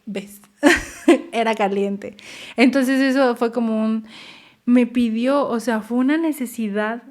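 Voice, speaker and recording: A woman's voice: fairly high pitch, slow pace, darkish tone. Young Mexican woman, podcast guest, earnest mother, heartfelt storytelling. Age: young adult. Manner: earnest, repeats words for emphasis, acts out quotes. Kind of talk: emotional personal storytelling.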